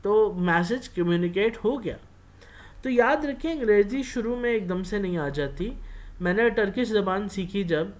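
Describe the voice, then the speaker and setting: Pakistani guy teaching a class, lots of uh pauses, switches into english bits. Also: on the high side. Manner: mixes Urdu with English phrases, many filler pauses. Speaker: university lecturer. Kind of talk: classroom lecture.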